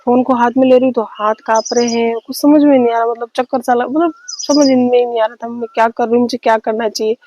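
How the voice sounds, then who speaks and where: A woman tells a personal story slowly and haltingly, with many fillers and restarts. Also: on the high side, fairly even intonation, warm tone. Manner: slow, hesitant retelling with many fillers and restarts. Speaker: vlogger. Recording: slightly dull lo-fi audio with faint noise.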